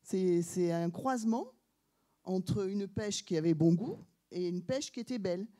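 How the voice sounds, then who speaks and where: Warm-toned woman scientist explaining. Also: mid-range voice, a little slow. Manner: plain explanations with hesitations and corrections. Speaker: scientist on a panel. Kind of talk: explaining to a public audience.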